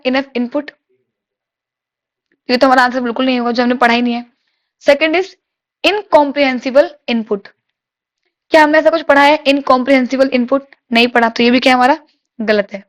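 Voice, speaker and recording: A woman teaching an exam-prep lesson, reading English questions slowly and explaining them in Hindi, asking the class questions. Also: sits high.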